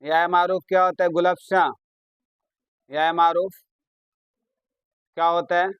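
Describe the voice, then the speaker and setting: This is a man with an Urdu accent leading a grammar lesson in class. His voice sits high. The sound is dry and close. He repeats key points and stops to put questions to his students. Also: little pitch movement, clean tone, no room sound, muffled recording. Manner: repetitive, questioning students, drawn-out explaining. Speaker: Urdu teacher.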